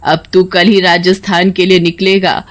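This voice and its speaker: A woman's voice: fairly low pitch, flat delivery, moderate pace, close to an everyday voice. Woman doing a stubborn old grandmother. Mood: insistent.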